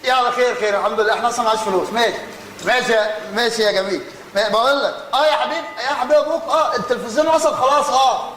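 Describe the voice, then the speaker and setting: A man's voice: extremely high pitch, rapid-fire, slight background noise. An actor with an Egyptian accent playing a broke, hot-tempered father in a stage comedy. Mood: fond. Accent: Egyptian Arabic. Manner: loud and exasperated. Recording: roomy stage sound.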